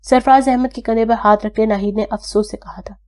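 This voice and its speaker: A woman's voice: on the high side, steady tone, a little mellow. A woman narrating a novel as an audiobook, reading it aloud dramatically and voicing every character herself. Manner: dramatic storytelling, shifting tone for dialogue.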